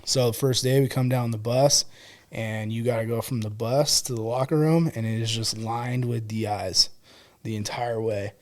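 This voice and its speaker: A man's voice: mid-range voice, moderate pace, a little mellow. A male police officer telling academy stories in casual conversation, rambling with lots of fillers. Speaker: police officer, interview guest.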